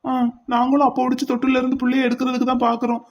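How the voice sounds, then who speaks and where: A woman's voice: high-pitched, monotone, racing. A clumsy young cartoon uncle, voiced by a woman who coos and dotes in a slightly raised voice. The recording sounds dull and lo-fi. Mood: sheepish. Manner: cooing, doting. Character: young uncle clumsily soothing a crying baby. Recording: dull lo-fi audio.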